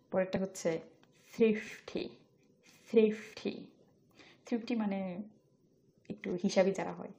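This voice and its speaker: A woman teaching English pronunciation, saying each word slowly twice and then explaining it. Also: mid-range voice, warm tone. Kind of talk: spoken language lesson.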